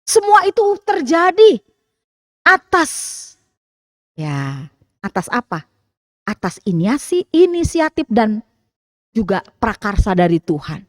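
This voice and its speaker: A woman pastor preaching a sermon in a high voice, recorded close and dry with almost no room sound. She puts questions to the congregation and answers them herself, and at times she acts out tearful prayers in a raised voice. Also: wildly swooping pitch, slow, pauses often, no room sound. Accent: Indonesian.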